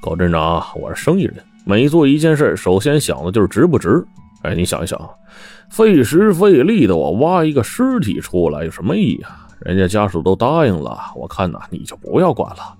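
A man's voice: lowish voice, wildly swooping pitch, a little fast, darkish tone, faint music behind, full character voice. A man voicing a scheming, ruthless middle-aged male mine boss in a told story, with an oily, smug, wheedling manner. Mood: sly.

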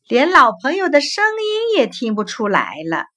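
A woman's voice: high-pitched, huge pitch swings, normal speed, sharp tone, exaggerated voice. A woman voicing a male river shrimp shedding his shell, who sounds weak and explains patiently. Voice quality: feeble, short of strength.

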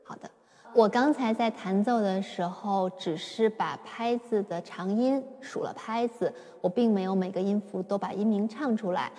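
A woman giving a patient, step-by-step piano lesson, explaining slowly with occasional fillers. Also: medium pitch, dark tone. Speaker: piano teacher. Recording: long reverb with piano. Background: piano played at times.

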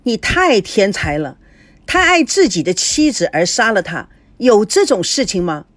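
A woman's voice: medium pitch, big pitch swings, normal speed, no echo. A woman voicing a harried young husband who answers a crowd curtly and with exasperation in a story reading. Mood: irritated. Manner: curt, exasperated.

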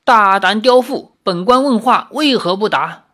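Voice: medium pitch, expressive, normal speed, sharp tone. A reader voicing a pompous, blustering male magistrate who barks indignant orders from the bench. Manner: barking, indignant.

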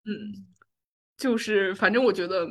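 A woman's voice: mid-range voice, normal speed. A woman in her twenties, a podcast co-host, chatting casually about her own life and rambling through fillers and restarts. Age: 20s. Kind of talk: casual personal chat.

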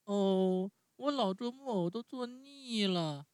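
A man voicing an eager, excitable wooden puppet boy in a high squeaky voice, often starting with a hesitant "uh". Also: slow pace, no room sound. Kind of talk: bedtime story reading.

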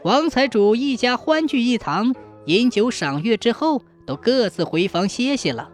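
Storyteller, folk tale narration, animated pitch, faint background music. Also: normal speed. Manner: lively, expressive storytelling.

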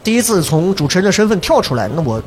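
A man's voice: high voice, quick pace, a little hiss or hum. A middle-aged man hosting a casual podcast chat, joking and acting out quotes as he tells stories. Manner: joking, animated storyteller who acts out quotes. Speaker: podcast host.

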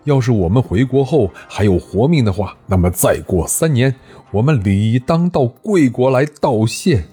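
A man's voice: medium pitch, animated, moderate pace, mellow, slightly rough, soft background music. A man voicing a defeated ancient general, loyal and earnest, speaking with urgency. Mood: courteous. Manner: pleading, urgent.

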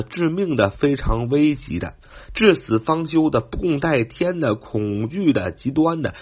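Male vocabulary teacher, husky and fairly low, spells and repeats words slowly; dull lo-fi recording. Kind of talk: spoken vocabulary lesson.

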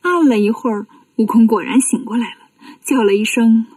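Warm, lively woman telling a children's story. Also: fairly high pitch, moderate pace, husky, no echo, recorded from a distance.

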